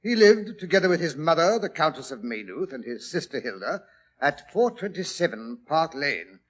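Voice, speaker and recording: An actor playing a genial, chatty English doctor telling old detective adventures in 1940s radio drama style. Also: male voice, on the high side, normal speed. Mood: storytelling. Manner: chatty, old-fashioned gentlemanly, expressive.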